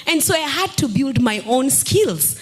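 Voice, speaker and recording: Her voice sits high and sing-song as this woman in her thirties, unhurried, addresses a live summit audience from the stage. Speaking into a handheld mic during a panel, she coaches people on personal branding and engages them by asking questions.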